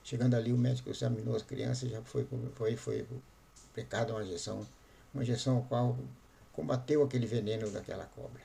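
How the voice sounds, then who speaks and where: Brief: man, pastor, repetitive, emphatic sermon storytelling, gravelly voice. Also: medium pitch, fairly even intonation, quick pace, warm tone.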